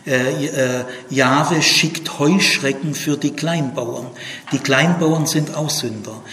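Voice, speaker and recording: A man teaching a Bible study, emphatic and animated, with many fillers and tag questions. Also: medium pitch, takes it slowly, echoey room, big-room sound.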